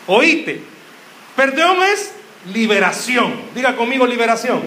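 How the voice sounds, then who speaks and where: Young guy preaching, high sharp voice, joking with the crowd, echoey church hall. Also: sing-song, measured pace, a little hiss or hum. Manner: joking, quizzes the crowd with questions. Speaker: youth preacher. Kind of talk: sermon. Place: church hall with a live congregation. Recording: roomy church hall echo.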